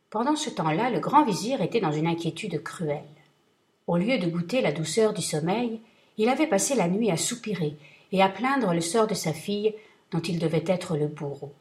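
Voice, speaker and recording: A woman narrating a classic tale in a steady, measured reading voice. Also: lowish voice. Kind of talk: storybook reading.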